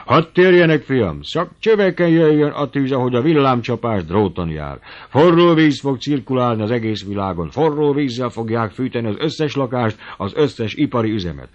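A man voicing an old man who is a fiery, boastful dreamer, speechifying grandly and loudly, in a storybook reading. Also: mid-range voice, animated, highs cut off, pitched above the performer's own voice, lightly acted. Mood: visionary.

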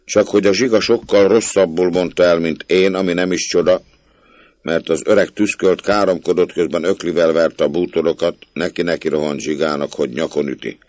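A man reading a story aloud in measured audiobook narration. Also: sits low, steady tone, darkish tone, no room sound.

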